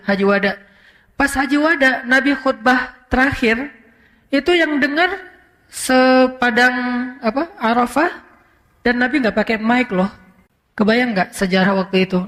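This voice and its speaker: A male preacher telling a story in a casual, conversational sermon. He drops English words into his talk and retells events with lively asides. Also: very high voice. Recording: long hall reverb.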